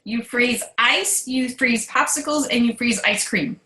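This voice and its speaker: A woman's voice: a little high, unhurried, sharp tone. A woman chatting casually as co-host and contestant in a game, recorded in an echoey room. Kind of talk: casual chat.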